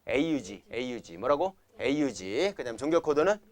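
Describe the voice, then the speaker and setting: A man's voice: medium pitch, sing-song, a little fast. A young man teaching science to a class, constantly checking understanding with quiz questions and chanting memory tricks. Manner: keeps quizzing students with repeated questions. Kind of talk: classroom lecture.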